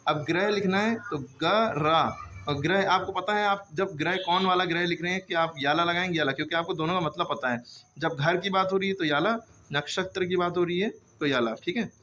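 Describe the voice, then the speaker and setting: A man's voice: high-pitched, a little fast, pushed and bright, slight background noise. A man teaching a handwriting lesson, explaining patiently step by step and often checking that the students follow.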